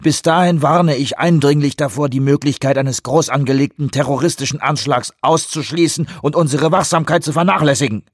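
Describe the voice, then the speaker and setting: A man voicing a blunt, combative male CIA director in an audiobook reading, brusque and forceful. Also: on the high side, fairly quick, few pauses, dry recording, studio quality, voice pushed up, close to an everyday voice.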